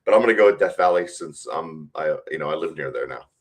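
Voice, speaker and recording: A stadium public address announcer, appearing as a guest, chats his way through interview questions and laughs a lot. His voice is extremely low, with lively intonation and a quick pace.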